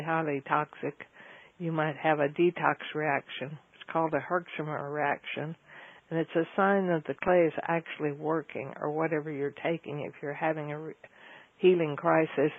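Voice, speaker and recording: A man's voice: on the high side, creaky, no echo. A man explaining things at length on a phone call, rambling with fillers and correcting himself as he goes. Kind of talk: casual explanatory talk. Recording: tinny phone line.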